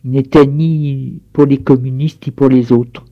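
A man voicing a young mother who speaks softly and somberly about her past. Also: mid-range voice, flat delivery, measured pace, narrow, tinny audio, natural voice. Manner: soft, subdued.

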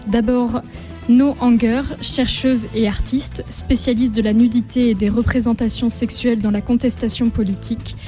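A woman's voice: a little high, little pitch movement, moderate pace, dark tone, soft background music. A woman presenting on radio, giving a scripted introduction.

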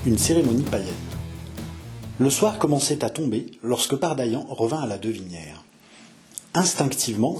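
A man reading a historical adventure novel aloud in a measured, steady way. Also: mid-range voice. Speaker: audiobook reader.

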